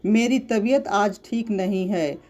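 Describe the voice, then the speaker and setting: Narrator voicing a sick, tired, irritable husband, slow and mellow. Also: mid-range voice, lightly acted.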